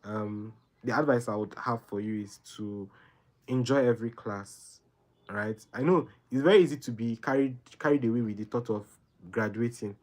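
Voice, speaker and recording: A young Nigerian man runs a live Q&A, offering earnest, rambling guidance to viewers and constantly adding "right?" while repeating himself. He speaks at normal speed in a mid-range, darkish voice.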